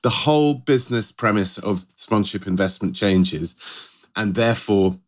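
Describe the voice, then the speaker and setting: A man's voice: lowish voice, moderate pace. A middle-aged British man co-hosting a podcast in a conversational style, often rephrasing as he goes. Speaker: podcast co-host.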